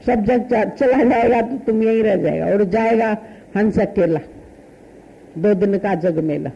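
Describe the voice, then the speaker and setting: A woman spiritual teacher preaches a satsang, repeating short folksy phrases as she tells a story. Her voice is mellow and slightly husky. The recording is dull and lo-fi. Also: medium pitch, unhurried.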